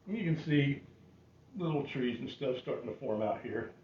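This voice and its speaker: A man in his sixties talks casually through a painting lesson, muttering to himself in a folksy, self-mocking way. His pitch is ordinary for a man. The sound is roomy and somewhat dull, with faint noise behind him. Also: lively intonation, normal speed, recorded from a distance. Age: 60s. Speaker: painting demonstrator. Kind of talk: casual painting tutorial, talking while working. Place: small curtained indoor painting space.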